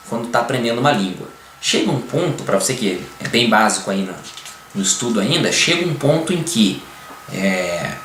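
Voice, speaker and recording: A man from Brazil giving a casual spoken lesson, hesitant, filling pauses and ending phrases with tag questions. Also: medium pitch, a bit bright. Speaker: language teacher. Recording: echoey room with faint ambient noise.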